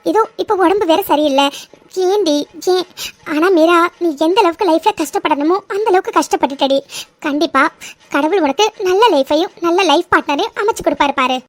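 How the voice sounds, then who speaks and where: A woman voicing a young woman's worried, caring best friend in a cartoon serial, fretting and scolding gently. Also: extremely high pitch, a little fast, dry recording. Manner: fretful, pleading, motherly scolding.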